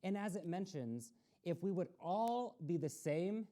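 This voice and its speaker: In a community access TV studio, a woman with a lowish, dark voice reads a picture book aloud at a measured pace. She stays animated, addresses the children directly, and encourages them throughout the storytime.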